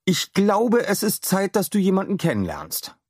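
A man voicing a kindly, excitable scientist and inventor who speaks in bubbly, excited bursts in a storybook reading. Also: sits high, moderate pace, no room sound, studio quality, pitched above the performer's own voice, exaggerated voice. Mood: cheerful. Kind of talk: storybook character voice.

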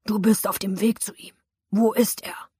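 A woman's voice: mid-range voice, steady tone, moderate pace, pushed and bright, breathy edge, dry recording, clean studio sound. A woman reading an audiobook who voices a menacing male knife attacker in a hissing, threatening whisper. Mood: angry.

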